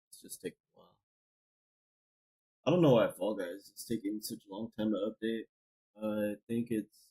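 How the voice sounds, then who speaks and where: A man's voice: lowish voice, warm tone, low-quality recording. Rambling man streaming a game. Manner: rambling, filler-heavy, talking to chat and a friend. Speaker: gaming streamer. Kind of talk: casual live-stream chat. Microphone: desk mic.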